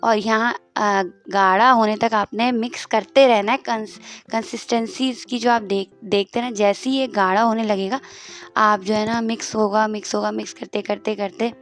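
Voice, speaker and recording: A woman's voice: medium pitch, steady tone, moderate pace, soft background music. A woman hosting her own cooking channel, walking through a home recipe step by step and repeating instructions as she stirs. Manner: homely, repetitive step-by-step instructions.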